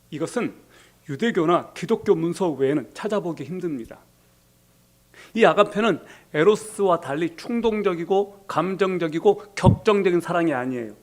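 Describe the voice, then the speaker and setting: A man preaching a sermon as pastor, telling the story and acting out quoted lines in a softer, lower voice.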